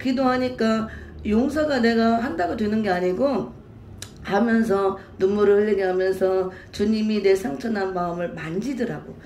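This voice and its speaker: A woman's voice: fairly high pitch, darkish tone, a little hiss or hum. A woman pastor giving an emotional sermon testimony, speaking emphatically and repeating her phrases. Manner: emotional, repetitive, emphatic storytelling. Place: church sanctuary. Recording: roomy church echo, faint ambience.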